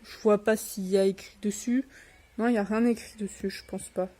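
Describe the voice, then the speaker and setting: A woman's voice: medium pitch, fairly even intonation, fairly quick, dark tone. A young woman, a little under the weather, chatting casually and rambling as she unboxes books for her vlog, with self-deprecating asides. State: a little sick. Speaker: book unboxing vlogger. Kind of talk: casual chat.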